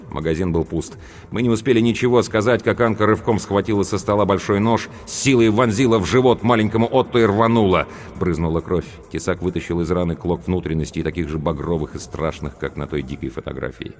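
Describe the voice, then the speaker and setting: Audiobook narrator: man, low voice, measured and grave, reverberant mix over soft background music. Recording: long reverb with faint music.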